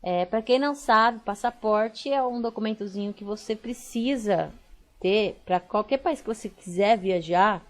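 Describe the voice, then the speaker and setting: A woman's voice: medium pitch, a little slow. A young Brazilian woman teaching an online school lesson, chatty and explaining step by step with frequent fillers.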